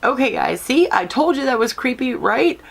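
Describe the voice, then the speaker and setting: A woman's voice: high-pitched, big pitch swings, moderate pace, vocal fry, background noise. A woman hosting a paranormal channel, chatting casually and informally to her viewers. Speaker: paranormal video host.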